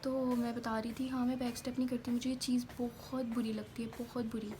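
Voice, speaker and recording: Young woman, hoarse sore throat, slightly high voice, chatty and self-mocking, phone held at arm's length, faint background noise. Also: flat delivery, a little fast. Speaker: vlogger. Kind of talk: casual vlog chat. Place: home, partly on a rooftop.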